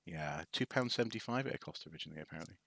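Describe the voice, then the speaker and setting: A man's voice: sits low, animated, rapid-fire, gravelly, pushed and bright, dry recording, clean studio sound. A man from North Wales chatting casually on a live stream, hesitant with lots of restarts and wry asides. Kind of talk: casual rambling show-and-tell.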